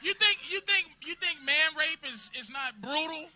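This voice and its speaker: On a comedy club stage, a man performs a crude, combative stand-up set, erupting into shouts at hecklers. His pitch is extremely high and his intonation lively at a moderate pace, with a little hiss or hum in the audio.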